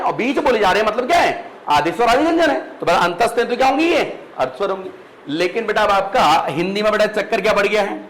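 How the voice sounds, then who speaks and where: A man's voice: high-pitched, a bit bright, a little hiss or hum, rough recording. A man lecturing a class on grammar. He calls students "beta", keeps checking whether they understand, and stretches out syllables when he sounds out letters. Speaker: Hindi grammar teacher.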